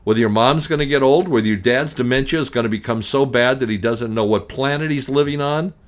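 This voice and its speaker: A middle-aged estate planning attorney hosts a radio talk show in a mid-range voice, speaking a little fast. He rants emphatically and hammers points home through repetition, with frequent restarts and a blunt, grumpy manner.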